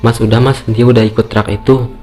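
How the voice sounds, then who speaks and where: Man playing older male stall keeper, calm, knowing, polite, horror story, music behind. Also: medium pitch, fairly quick, natural voice.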